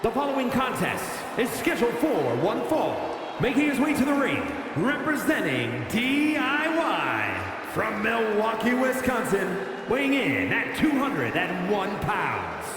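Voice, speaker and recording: A man making formal, drawn-out ring announcements at a wrestling event. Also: sits high, huge pitch swings, exaggerated voice. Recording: echoey arena PA, crowd and music.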